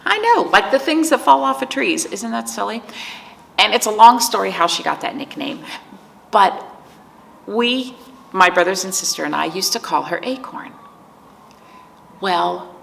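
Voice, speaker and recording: A librarian, a woman, gently leads a virtual story session for children, reading a picture book out loud and asking them simple things. Her gravelly voice is mid-range, and there's a little hiss or hum underneath.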